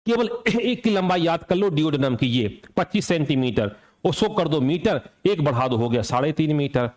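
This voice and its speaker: A man with a slightly high voice gives an exam coaching lecture. He quizzes his students aloud, answers his own questions, and drills each point by saying it again. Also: darkish tone. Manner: repeats key points for drilling. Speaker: teacher.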